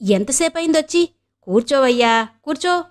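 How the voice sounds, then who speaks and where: A woman voicing a fussy, warm-hearted older father who sounds flustered and welcoming in an audio novel. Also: fairly high pitch, big pitch swings, a little slow. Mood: fussing.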